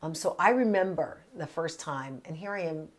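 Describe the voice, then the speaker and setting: Speaking from a small closet, this parenting vlog host in her fifties answers a letter with a deep voice, lively intonation and a moderate pace. Her casual advice comes across as earnest, direct and conversational.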